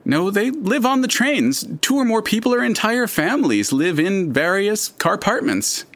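A man's voice: high voice, very animated, normal speed, a bit bright, dry recording, full character voice. A man playing a wry, theatrical narrator character who speaks in an arch, pompous manner in an audio drama. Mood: smug, playful.

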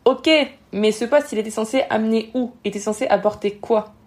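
Fast-talking emphatic woman. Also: a little high, fairly even intonation, mellow. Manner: rapid, emphatic, frank, acts out quoted thoughts. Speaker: guest, Instagram marketing expert. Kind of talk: podcast interview, advice.

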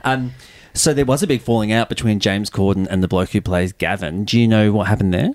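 A man hosting a casual chat, cheeky and quick to laugh. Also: fairly low pitch, a little mellow, dry recording, clean studio sound. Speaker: podcast host.

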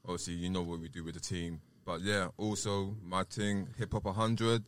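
A man with a deep voice and a South London roadman accent talks as a guest in a casual interview. His speech is informal and loosely rambling, full of street slang. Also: flat delivery, moderate pace. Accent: South London, urban roadman. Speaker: podcast guest, rapper and producer.

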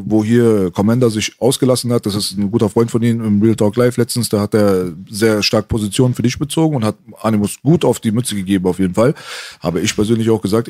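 A man hosting a podcast chat, calm and explaining his point. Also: on the low side.

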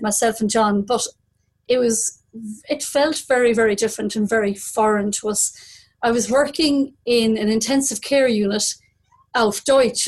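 A woman in her fifties with a Kerry accent from the west of Ireland, telling a personal story in an unhurried, reflective way. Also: a little high, a little mellow. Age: 50s.

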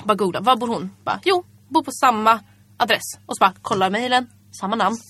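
A woman's voice: on the high side, sharp tone, no echo. A young woman hosting a podcast, telling casual stories and acting out her own past lines. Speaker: podcast host. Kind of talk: casual chat, storytelling.

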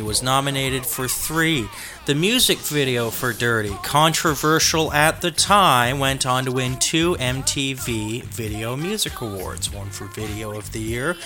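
A man co-hosting a music debate podcast, casual and animated, laughing often. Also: mid-range voice. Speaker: podcast co-host.

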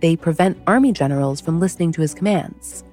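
A woman's voice: lowish voice, a little fast, a little mellow, faint music behind. A woman hosting a podcast, reading scripted history narration in a wry, conversational storytelling manner. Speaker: podcast host.

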